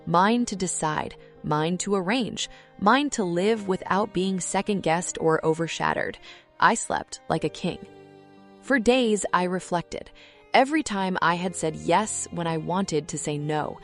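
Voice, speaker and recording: Calm low-voiced woman narrating. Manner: calm, measured, reflective delivery in short clipped phrases. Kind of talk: scripted first-person story narration. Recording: faint background music.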